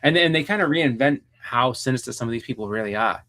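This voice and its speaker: A man's voice: medium pitch, expressive, quick pace, sharp tone. A man hosting a live stream, chatting casually about comics in a rambling way with many restarts.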